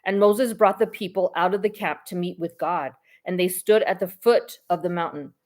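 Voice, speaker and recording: A woman reading the Bible aloud at a steady, careful pace, with small stumbles now and then. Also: lowish voice, moderate pace. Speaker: scripture reader.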